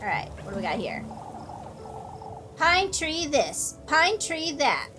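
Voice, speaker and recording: Woman let's-player, sarcastic, swears, high lively voice, game music behind. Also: slow. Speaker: gameplay commentator. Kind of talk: casual let's-play commentary.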